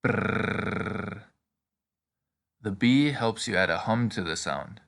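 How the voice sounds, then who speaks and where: A man's voice: fairly low pitch, expressive, normal speed. A man narrating a scripted step-by-step pronunciation tutorial in an encouraging, instructional manner.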